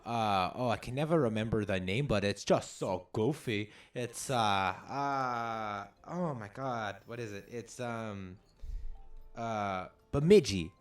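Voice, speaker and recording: A man's voice: on the low side, slow pace, soft background music. A man co-hosting a video game let's play, chatting casually with lots of fillers and restarts. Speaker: co-host playing a video game.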